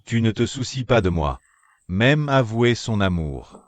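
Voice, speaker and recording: A man dubbing a brooding, possessive tough schoolboy, talking low, slow and blunt. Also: sing-song, dry recording. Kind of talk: French dub of a series.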